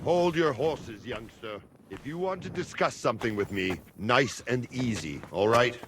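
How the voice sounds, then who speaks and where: An actor playing a wary, loyal male castle guard from Buda who speaks in a calm, measured and firm way. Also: medium pitch, creaky, background noise.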